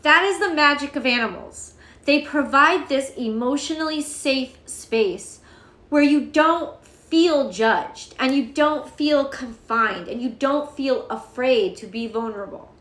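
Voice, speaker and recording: A woman's voice: high-pitched, animated, unhurried, fairly bright tone, roomy sound. A woman giving a casual, rambling tarot reading to camera, emotional and chatty, swearing freely. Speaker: tarot reader.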